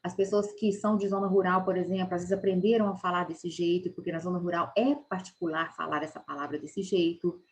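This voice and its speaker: A woman teacher explaining correct spelling in a recorded lesson, patiently, often checking in with a quick "tá?" and slowing down to stress key words. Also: on the low side, steady tone. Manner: explains patiently, ends phrases with "tá?".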